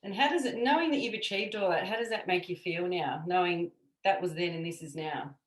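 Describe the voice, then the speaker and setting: A woman's voice: lowish voice, brisk. A woman interviewing casually as a coach, with an encouraging, affirming way of talking. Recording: roomy, echoey sound.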